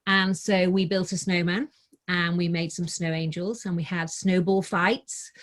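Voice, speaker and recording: Speaking at a measured pace in a fairly low, flat voice, this middle-aged children's author tells a story informally before reading her picture book to young listeners as a guest.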